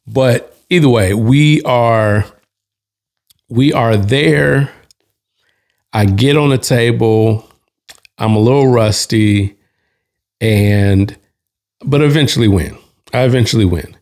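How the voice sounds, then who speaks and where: Male host, easygoing spoken story, loose slangy delivery with asides, average pitch. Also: slow pace, long pauses. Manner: relaxed, slangy, with restarts and asides. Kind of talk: casual storytelling.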